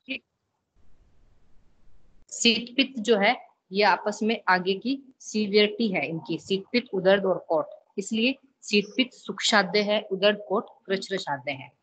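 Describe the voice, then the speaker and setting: A woman's voice: medium pitch, a little slow, fairly bright tone, slight background noise, poor audio. A woman teaching an online class, reciting classical verses and explaining each one, with frequent check-ins to her students. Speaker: ayurveda lecturer.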